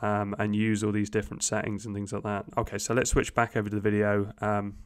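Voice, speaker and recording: A man's voice: fairly low pitch, monotone, fast talker. A man hosting a casual gear review at his home desk, rambling with many uhs and restarts, into a USB podcast mic. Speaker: tech video host. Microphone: USB podcast microphone.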